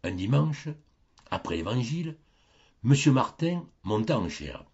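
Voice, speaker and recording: Un homme qui raconte un vieux conte, ton théâtral, enregistrement un peu sourd. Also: male voice, mid-range voice, very animated, measured pace, a little mellow, husky, muffled recording. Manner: theatrical, varied intonation. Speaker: audiobook narrator. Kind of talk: expressive storytelling reading.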